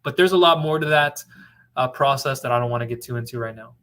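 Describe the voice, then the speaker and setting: A man's voice: mid-range voice, quick pace, pushed and bright. A man from California hosting a casual livestream, talking confidently in a rambling, repetitive way as he answers viewers. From Orange County, California. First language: bilingual in English and Spanish. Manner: confident, rambling, repeats himself. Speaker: business funding broker hosting a livestream.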